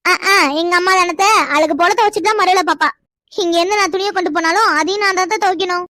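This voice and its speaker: A spirited young village woman who protests at everything, voiced by a woman very high-pitched and rapid. She talks back fast and indignantly. Dry, close cartoon dub. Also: fairly even intonation, pushed and bright, no echo. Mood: complaining. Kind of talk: cartoon voice acting.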